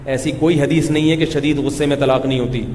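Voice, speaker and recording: A man's voice: a little high, fairly even intonation, darkish tone, long reverb tail, a little hiss or hum. A man giving a religious lecture in a conversational, joking storytelling way. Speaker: Islamic scholar giving a talk.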